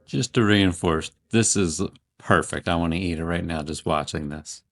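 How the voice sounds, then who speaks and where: A man's voice: low voice, normal speed, fairly bright tone, roomy sound, far from the mic, low-quality recording. A man hosting a home cooking vlog, chatty and self-critical, talking between bites as he cooks and tastes. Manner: chatty, self-critical, talks while eating. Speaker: home cooking channel host. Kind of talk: casual cooking vlog with tasting.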